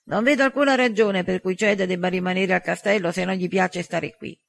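A wry man teases and reasons in calm turns in this audiobook, as a male narrator voices him. His voice sits high and sounds close and dry. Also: a little fast, vocal fry, no echo. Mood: teasing. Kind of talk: audiobook dialogue.

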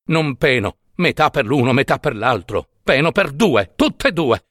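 Brief: man playing a brusque, rude traveler and father, lively tone, dry close sound. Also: mid-range voice, a little slow, no echo. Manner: blunt, brusque, interrupting. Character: curt, rude male traveler, father of two.

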